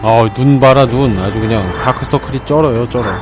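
A man commentating his own gameplay, excitable, shouting and swearing at the screen. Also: medium pitch, moderate pace. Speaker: game streamer. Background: game music.

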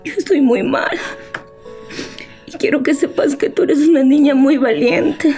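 A frail dying mother speaks slowly between coughs. Her high voice is weak and tender. Faint music sits underneath. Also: warm tone. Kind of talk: melodrama acting.

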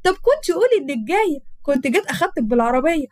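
A woman's voice: high voice, big pitch swings, very fast, a little mellow, no room sound, clean studio sound. A woman with an Egyptian accent voicing a young husband who earnestly reassures his mother and wife. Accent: Egyptian Arabic. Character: young married man, dutiful devoted son.

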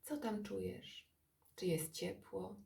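A woman leading a guided body-scan meditation in soft, calm, drawn-out phrases with long pauses. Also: medium pitch, vocal fry.

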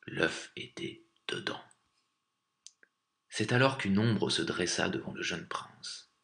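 A low-voiced man tells a folk tale aloud, his narration expressive and lively. His tone is low yet bright and clear. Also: slow. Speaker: storyteller.

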